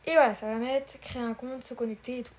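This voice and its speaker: Here the tutorial host speaks quickly, her slightly high voice holding a fairly even intonation. Hesitant and filler-heavy with frequent restarts, she leads a casual screen recording and refers to viewers as "guys" and "brothers."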